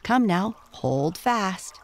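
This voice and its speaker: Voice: medium pitch, animated, very slow, pitched above the performer's own voice. A reader putting on a pompous old frog. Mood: lofty. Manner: lofty, lecturing, chuckling. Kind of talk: storybook character voice.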